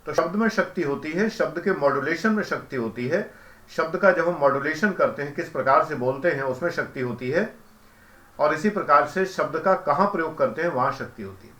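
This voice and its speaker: A man giving a calm, explanatory devotional lecture as a spiritual teacher, who chants mantras slowly. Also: fairly high pitch, reverberant.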